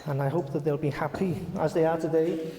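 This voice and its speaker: Middle-aged man, fairly high voice, jovial and halting wedding toast speech, hall reverb. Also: fairly even intonation, mellow, slight background noise. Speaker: father of the bride. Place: large glass-walled wedding reception room. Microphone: handheld microphone. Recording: echoey hall, handheld mic, guests reacting. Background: wedding guests murmuring and laughing.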